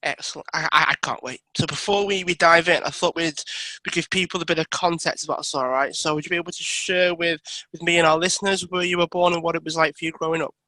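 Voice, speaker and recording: A male podcast host with a high, sharply bright voice introduces his guest and asks friendly questions. He trips over words and restarts now and then, and the recording sounds close and dry. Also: steady tone, fast, no echo, rough recording. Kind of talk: casual interview hosting.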